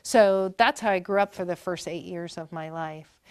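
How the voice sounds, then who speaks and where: Speaking slowly enough to follow, at a moderate pace, a woman in her fifties from Maine talks in a lowish, clean voice with no echo. She's a performer and guest at a library talk, rambling through family stories in an interview with many fillers and restarts.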